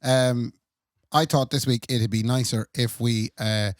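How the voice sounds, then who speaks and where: A man's voice: mid-range voice, steady tone, unhurried, no echo, studio quality. A man with a west of Ireland accent chatting casually as a podcast co-host, rambling and joking. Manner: rambling, jokey. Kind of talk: casual bantering chat.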